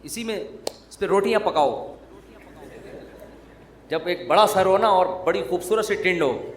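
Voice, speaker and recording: Guy preaching w/ lots of jokes, pretty high voice, echoey room. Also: lively intonation, slight background noise. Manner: jokey, teasing, conversational preaching. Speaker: Islamic preacher. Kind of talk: humorous sermon. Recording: roomy echo.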